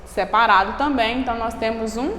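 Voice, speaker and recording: A woman with a Brazilian accent gives a grammar lesson at an unhurried, deliberate pace, breaking words into syllables and asking "ok?" along the way. Her voice sits a little high. The room rings with echo and a long reverb tail. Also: a bit bright, slight background noise. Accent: Brazilian Portuguese. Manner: slow, spells out syllables, checks with "ok?". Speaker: teacher.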